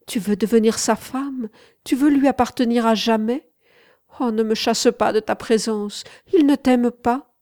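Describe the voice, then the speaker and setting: A woman's voice: a little high, steady tone, unhurried, a little mellow, dry recording, clean studio sound, pitched above the performer's own voice. A woman reading an audiobook, voicing a desperate young man in love who pleads in a raised, tremulous voice. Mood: pleading.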